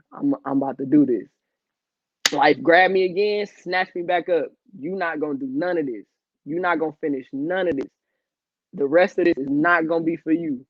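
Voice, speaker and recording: This Long Beach interviewee, in his twenties, has a voice on the high side, caught in dry, muffled lo-fi sound with no room tone. He candidly recounts his life in laughing, cuss-heavy street slang.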